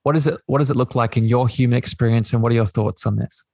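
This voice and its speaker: Speaking fast with a medium pitch, steady tone and creaky, dark quality, a man leads a spiritual podcast conversation, captured with no echo. He reflects aloud and frequently checks in using "right?".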